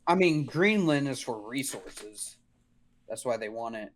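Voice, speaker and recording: A man's voice: medium pitch, expressive, a little slow, slight background noise. A young man co-hosting a podcast, chatting casually in an informal, slangy and somewhat hesitant way. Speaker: podcast co-host. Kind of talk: casual chat.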